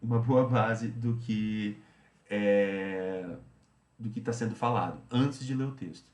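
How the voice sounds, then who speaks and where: A man's voice: fairly low pitch, takes it slowly, a little mellow, roomy sound. A man teaching English, explaining a study routine in a chatty way, often repeating himself and tagging phrases.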